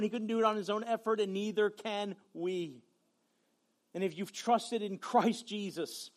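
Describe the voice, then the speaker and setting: Impassioned Southern preacher man, high voice. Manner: impassioned preaching, swinging between shouts and quiet low talk. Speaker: pastor. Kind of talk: sermon.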